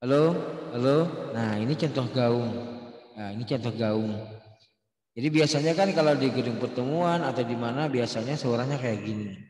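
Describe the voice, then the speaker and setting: A man's voice: medium pitch, moderate pace, breathy edge. Dry-sounding male teacher explaining casually. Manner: demonstrates echoes by shouting and imitating sounds.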